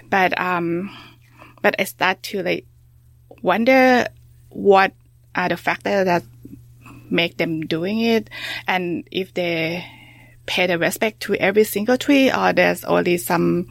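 Guest researcher: woman with a Thai accent, slightly low and creaky, hesitant delivery. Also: no room sound. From Thailand. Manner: halting, many fillers and restarts, soft-spoken. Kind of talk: interview answers.

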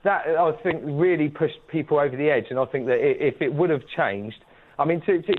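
A man phones in to a radio show from a large farmhouse, and his voice carries a hollow room echo. The line is thin and phone-like. He speaks fast and rambles, with many broken starts. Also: on the high side. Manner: halting, rambling, full of restarts. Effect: echoey sound from a big room. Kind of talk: phone-in call chat. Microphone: Bluetooth phone.

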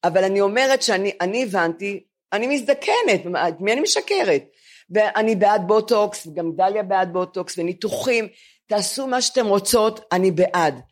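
An older woman in her seventies tells comic stories about getting old, mocking herself with animated swings in her voice. She co-hosts a chat podcast taped live in front of building residents. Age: 70s. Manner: animated, self-mocking, lively jumps in pitch. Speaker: podcast co-host.

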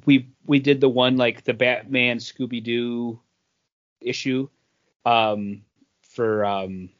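A podcast co-host reviewing comics chats casually, speaking haltingly as he works out his thoughts, in a steady, middle-range voice of medium pitch. The recording sounds a little dull and band-limited.

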